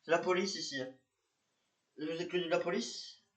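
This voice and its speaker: A man with a fairly high voice narrates and plays a police officer in an amateur reenactment. He speaks hesitantly, repeating himself and using many fillers. The room around him sounds echoey. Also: normal speed, fairly bright tone.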